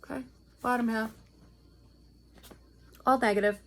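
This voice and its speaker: A woman's voice: a little high, steady tone, unhurried, a bit bright. A woman, a parent, delivering a heated, profane personal rant to the camera, often tagging her points with "right?". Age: adult parent. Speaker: vlogger recounting a custody fight.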